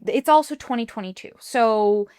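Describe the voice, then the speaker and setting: A woman's voice: on the high side, moderate pace, a little mellow, clear, resonant tone. A young woman co-hosting a casual podcast, chatty and full of fillers as she walks her co-host through a story. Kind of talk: casual chat.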